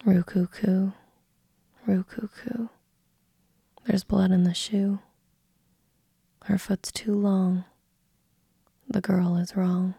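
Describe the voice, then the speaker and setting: Tattletale dove flock chanting a sing-song rhyme, husky whisper, put on by a woman reading. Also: medium pitch, flat delivery, extremely slow, long pauses, warm tone, no room sound, clean studio sound, heavily acted.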